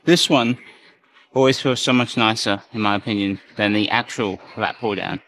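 A man vlogging his workout at the gym, chatting casually between sets with breathy sighs. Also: lowish voice, moderate pace, a bit bright, a little hiss or hum. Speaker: fitness vlogger. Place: gym, indoors.

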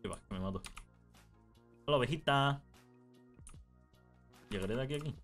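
A man's voice: mid-range voice, faint music behind. A young man with a Canarian accent, chatting casually and teasing while he plays a game on stream, telling stories with a lot of animation. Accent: Canarian Spanish. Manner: animated teasing storyteller, quick mood swings. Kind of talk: casual chat while gaming.

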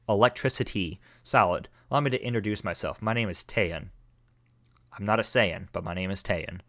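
A man's voice: fairly low pitch, fairly bright tone, no room sound, natural voice. A man voicing a smug cult villain. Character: calm smug adult male cultist villain.

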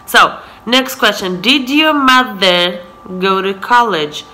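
Speaking slowly and expressively in a mid-range voice, she sounds bright and forceful. She's an Israeli woman in her twenties, a native Hebrew speaker vlogging a casual Q&A from the sofa in her living room, laughing a lot and using "so yeah," captured by a close camera in front.

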